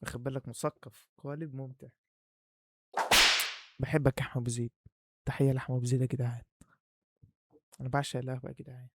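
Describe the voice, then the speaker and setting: A man's voice: medium pitch, level tone, very fast, long pauses, warm tone, slight background noise. A young man with an Egyptian accent, talking casually and playfully straight to the viewer in a vlog, his voice muffled by a face mask he is wearing. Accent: Egyptian Arabic. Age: young adult. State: muffled, breathing hard through a face mask. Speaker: YouTuber. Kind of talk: casual vlog talk to camera.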